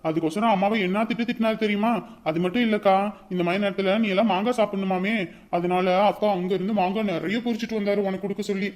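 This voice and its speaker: A man's voice: high-pitched, fairly even intonation, quick pace, natural voice. A young man acting an earnest, dutiful son and brother in a family drama. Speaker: actor.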